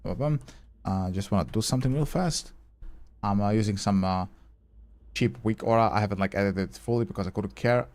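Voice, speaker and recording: A slightly low-voiced man talks briskly during a live game stream, answering viewer chat as he plays. He mulls over his next move aloud and lets out the occasional casual swear word.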